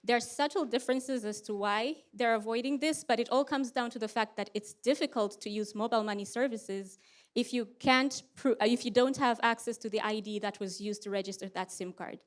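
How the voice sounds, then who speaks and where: A woman giving a prepared conference lightning talk as a research presenter, explaining in a clear, structured way with rhetorical questions. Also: a little high, a little fast.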